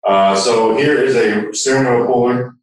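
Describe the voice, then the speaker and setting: A man with a mid-range voice gives a conversational, hands-on technical demonstration, speaking a little slowly in a steady tone. It was recorded in an echoey room with a distant microphone.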